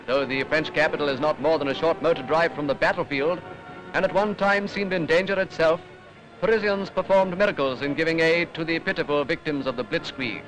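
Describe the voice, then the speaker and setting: Old newsreel announcer: British man, fairly high voice, formal and rhetorical, music running behind him. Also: rough recording. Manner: formal, rhetorical, declamatory delivery. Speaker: newsreel narrator. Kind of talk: 1940s British newsreel narration.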